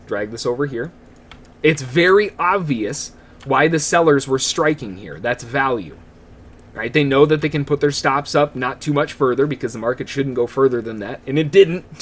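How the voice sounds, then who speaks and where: A man giving live day trading commentary, chatty and laughing often as he greets viewers in the chat. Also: a little high.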